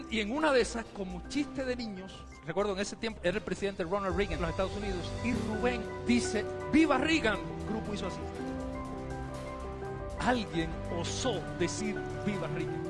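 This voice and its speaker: Man telling his story over loud music. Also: sits high. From Cuba. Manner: emotional storytelling, voice swells and drops. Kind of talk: personal testimony.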